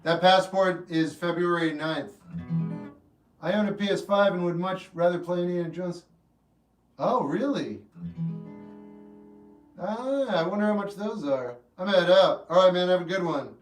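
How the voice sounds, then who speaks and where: A man in his fifties hosting a livestream, chatting casually with viewers in a relaxed, rambling way that turns earnest when he gives advice. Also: high voice, a little slow, long pauses. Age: 50s. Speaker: livestream host. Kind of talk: casual chat answering live chat. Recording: roomy echo, mic at a distance, faint guitar music.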